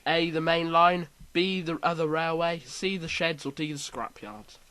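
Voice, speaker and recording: A man hosting a casual quiz chat, reading out questions with lively emphasis. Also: a little high, moderate pace, clear, resonant tone, dry recording. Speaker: quiz host.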